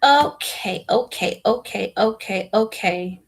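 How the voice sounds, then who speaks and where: Talking slowly in a gravelly, medium-pitched voice, a young hair vlogger chats casually with viewers during her live Q&A stream. She rambles, restarting often and using plenty of fillers.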